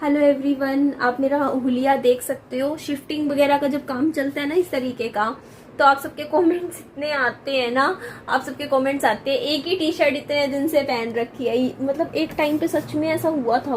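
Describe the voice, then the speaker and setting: A young woman chatting casually in a family vlog, laughing often and filling pauses with lots of little hesitations. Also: high-pitched, a little hiss or hum. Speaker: vlogger.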